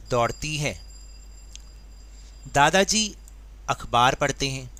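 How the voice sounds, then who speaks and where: Bright-voiced man teaching a lesson. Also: a little high. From India. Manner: patient, explains step by step with questions to students. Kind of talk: worksheet lesson.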